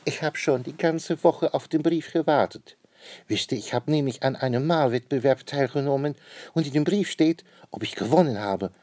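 A man voicing a friendly, excitable queen in a children's story, in a raised, gushing voice. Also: medium pitch, normal speed, no echo, pitched above the performer's own voice, natural voice.

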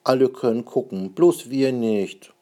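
A man's voice: mid-range voice, animated, unhurried, dark tone, pitched above the performer's own voice, close to an everyday voice. A man reading aloud and voicing an impatient young girl who complains. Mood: complaining.

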